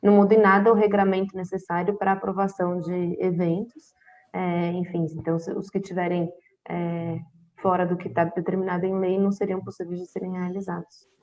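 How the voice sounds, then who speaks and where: A woman's voice: fairly low pitch, flat delivery, brisk, darkish tone. A woman answering a technical question at a public hearing in a matter-of-fact way. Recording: dull lo-fi sound.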